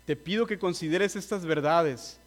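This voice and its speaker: A man's voice: a little high, moderate pace. A man preaching a sermon, earnestly urging his listeners and admitting he is nervous.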